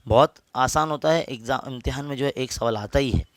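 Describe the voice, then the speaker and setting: A man's voice: medium pitch, fairly quick, dry recording. A man with an Urdu accent, a maths teacher patiently explaining geometry step by step to students, repeating each point.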